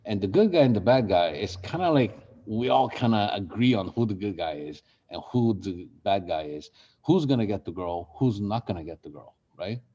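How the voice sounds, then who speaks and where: A man's voice: fairly low pitch, expressive, normal speed, warm tone, breathy edge, highs cut off. A man who grew up in Brazil, leading a real estate marketing workshop in a conversational way and asking the group questions. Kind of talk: interactive workshop teaching.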